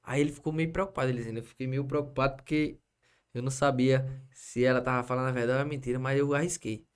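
Quick and smooth, in a medium-pitched voice, a young podcast guest with a Brazilian Portuguese accent spins a long, rambling, lively story, dropping "né?" and "pô" and small asides onto his phrases.

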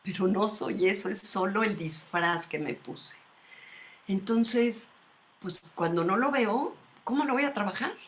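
A woman, speaking as a guest expert in a calm, measured, explanatory conversation and asking her listeners questions. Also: medium pitch.

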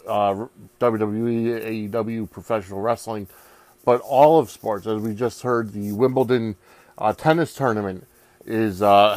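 A man's voice: fairly low pitch, darkish tone, no echo. A man hosting a sports podcast in casual talk, with a loose, rambling delivery. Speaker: podcast host.

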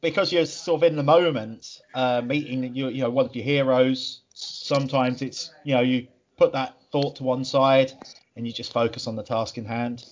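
A man's voice: medium pitch, steady tone, normal speed, dull audio. A British man hosting a podcast, asking loose, hesitant questions full of asides. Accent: British English. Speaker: podcast host. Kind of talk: casual chat.

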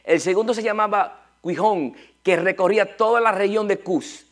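A man preaching a sermon. He is animated, repeats words and asks rhetorical questions. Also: high-pitched, normal speed.

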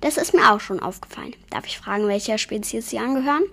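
A woman's voice: medium pitch, fast, gravelly, a bit bright. A woman voicing a courteous, charming male vampire count who speaks politely and reassuringly. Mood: gallant.

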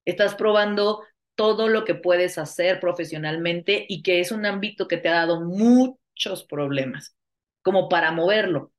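Mexican woman giving calm advice. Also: on the low side, a little slow. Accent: Mexican Spanish. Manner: reflective, advising tone. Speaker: podcast co-host. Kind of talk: casual podcast chat.

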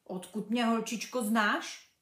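A woman's voice: fairly high pitch, steady tone, a bit bright, natural voice. A woman voicing a small naughty boy, frowning and hesitant. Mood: puzzled. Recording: echoey room.

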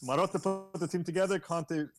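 A man's voice: a little high, fairly even intonation, quick pace, over music. A man in a casual sports debate, stubborn and opinionated, repeating himself to make his point.

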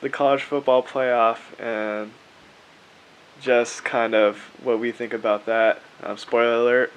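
A man co-hosting a casual sports podcast, low-key and hesitant, with frequent ums. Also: flat delivery, a little slow, clear, resonant tone. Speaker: podcast co-host.

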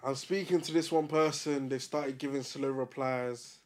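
Mid-pitched young London roadman. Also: steady tone, moderate pace. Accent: London, roadman street style. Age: young adult. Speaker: podcast co-host. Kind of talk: casual banter in street slang.

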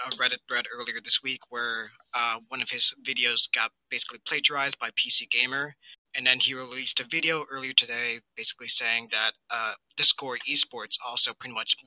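A man's voice: mid-range voice, flat delivery, fairly quick, pushed and bright, no echo, low-quality recording. A man calling in over the phone as a first-time caller, earnestly laying out background before asking his question. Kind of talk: casual call-in question.

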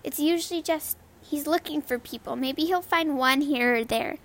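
A young woman with a high girlish voice, chatting casually about gaming, rambling with many fillers and repeated words. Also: moderate pace, a bit bright. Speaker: gamer vlogger. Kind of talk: casual chat to camera.

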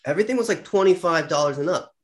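A man co-hosting a podcast in casual chat, rambling and laughing, with some vocal fry. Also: a little high, racing. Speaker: podcast co-host.

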